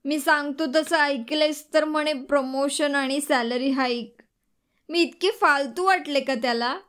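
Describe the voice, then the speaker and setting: A woman's voice: high-pitched, a little slow, fairly bright tone. A woman voicing a shaken young wife in an audiobook, upset and pleading. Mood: indignant. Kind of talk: audiobook dialogue reading.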